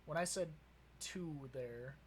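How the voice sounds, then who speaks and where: A young podcast co-host from Wisconsin, USA, speaks slowly in a fairly high voice with a Wisconsin accent, rambling through casual chat and laughing often. There's slight background noise.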